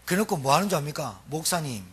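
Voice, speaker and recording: A man's voice: a little high, big pitch swings, fast talker, fairly bright tone, breathy edge. A middle-aged male pastor preaching a sermon, emphatic and repetitive, firing questions at the congregation and having them repeat after him.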